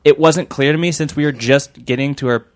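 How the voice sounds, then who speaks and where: A man's voice: on the high side, a little fast, clear, resonant tone, no echo, clean studio sound. A man co-hosting a comics podcast, chatting casually and rambling with lots of filler words. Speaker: podcast co-host. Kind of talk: casual chat.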